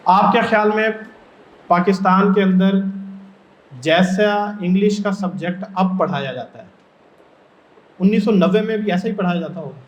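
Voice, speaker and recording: High-voiced man leading a teacher workshop. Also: pauses often. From Pakistan. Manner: explains step by step and keeps asking the audience questions. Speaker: teacher trainer. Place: training room. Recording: echoey room, dull lo-fi sound.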